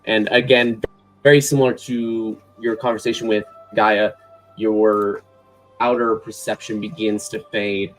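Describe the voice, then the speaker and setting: Male game master, lowish voice, unhurried descriptive narration for a fantasy tabletop game, light music underneath. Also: little pitch movement, low-quality recording.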